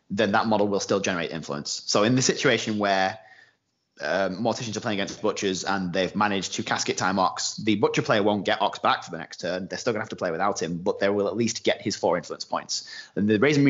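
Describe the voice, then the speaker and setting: Fast-talking low-voiced man. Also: a bit bright, lo-fi sound. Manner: fast, explanatory, with many fillers. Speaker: game developer. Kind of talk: casual podcast chat.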